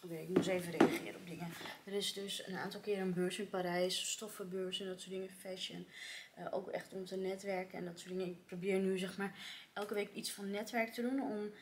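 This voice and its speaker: A woman's voice: mid-range voice, flat delivery, fairly quick, a little hiss or hum. A young woman chatting casually in a vlog from her office, telling a story with lots of fillers and sometimes dropping to a whisper. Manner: chatty, many fillers, drops to whispers at times. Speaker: vlogger.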